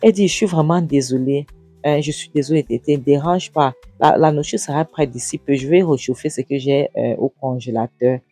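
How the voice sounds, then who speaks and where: A narrator acting out a young wife who apologizes and pleads softly. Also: mid-range voice, fairly quick, no room sound, faint music behind, lightly acted. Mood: apologetic.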